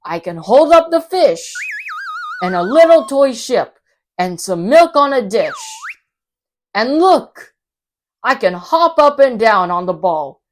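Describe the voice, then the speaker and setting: A playful, boastful storybook cat voiced by a woman shows off in rhyme. The delivery is slow and cheerful, with big, lively swings of pitch. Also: slight background noise. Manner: showy, cheerful, declaiming in rhyme. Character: mischievous, boastful, playful male cat in a hat.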